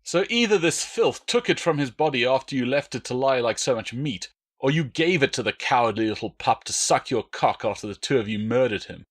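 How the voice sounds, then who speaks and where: In an audiobook, a man with a medium-pitched, breathy voice, lively intonation and a fairly quick pace plays a big, cruel, vengeful Roman soldier. The hot-tempered character sneers and hurls accusations.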